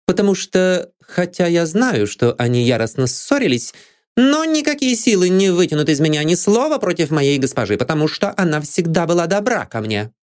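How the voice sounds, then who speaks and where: A man voicing a sharp, haughty young lady's maid who is suspicious and quick to take offence, in a read-aloud storybook. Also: big pitch swings. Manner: shrill and indignant.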